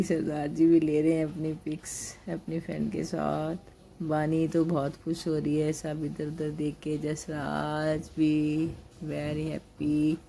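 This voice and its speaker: An older woman, a grandmother who vlogs, narrates a family outing in a busy indoor mall in a homely, casual way, holding her phone camera. Her voice is low, gravelly and warm. The recording is low quality, with slight background noise.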